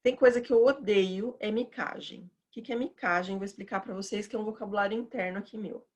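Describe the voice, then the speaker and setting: A woman's voice: mid-range voice, fairly even intonation, brisk. A woman with a chatty, opinionated manner, teaching teachers in an educational video and stretching words out as she demonstrates them. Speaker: teacher trainer.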